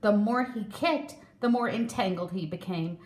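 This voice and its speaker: A woman reading a children's story aloud in a slow, expressive way. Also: mid-range voice. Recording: echoey room.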